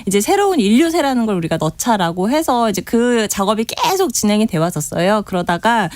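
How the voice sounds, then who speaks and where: A woman's voice: on the high side, big pitch swings, brisk, darkish tone, no echo. Woman, radio studio guest, chatty explainer, fillers, dry sound. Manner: chatty explainer, many fillers, retells anecdotes. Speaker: science guest explaining a topic. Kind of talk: radio current-affairs interview.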